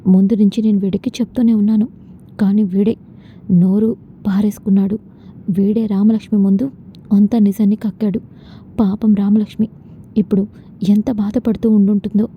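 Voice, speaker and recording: A woman's voice: medium pitch, level tone, moderate pace, long pauses, lightly acted. Angry young man, woman reading, reproachful, dull lo-fi recording. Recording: dull lo-fi with faint noise.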